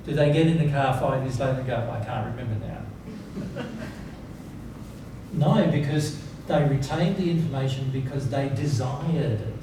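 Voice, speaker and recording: Speaking at a normal pace in a mid-range voice, a man gives an informal, emphatic teaching on spiritual principles, repeating key words and using rhetorical questions to check the audience follows. The seminar room reverberates heavily, is noisy, and the mic sits far away.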